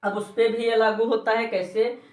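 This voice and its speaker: A man's voice: sits high, little pitch movement, far from the mic. Male teacher for an exam-prep grammar lesson; repeats examples patiently; echoey room sound. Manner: addresses students as brother and dear children; sometimes sings example lines slowly.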